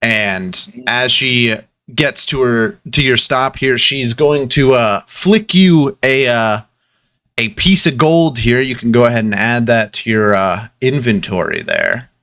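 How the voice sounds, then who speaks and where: A man narrating a tabletop game as game master, relaxed and with many fillers. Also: medium pitch, slow pace.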